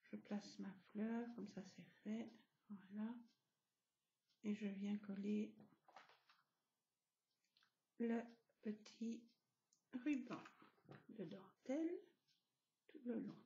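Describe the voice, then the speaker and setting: A woman narrating a craft tutorial, explaining each step gently with soft asides. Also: mid-range voice, drawn-out words, pauses often, roomy sound. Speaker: craft video host. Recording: dull lo-fi home recording.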